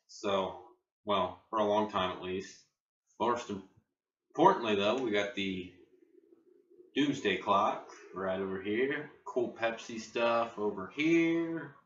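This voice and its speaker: Rambling unhurriedly to his channel, this Ohio-born video blogger has a lowish, fairly bright voice. He's picked up from a distance by a built-in laptop camera mic in his echoey home garage, so the sound is roomy, slightly muffled and carries faint noise.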